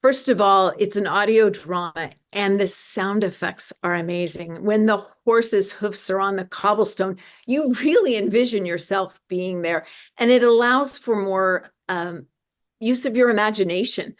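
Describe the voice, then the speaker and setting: Speaking a little slowly at a medium pitch, a woman appears as an interview guest representing a media ministry. She is earnest and enthusiastic as she promotes her organization's work.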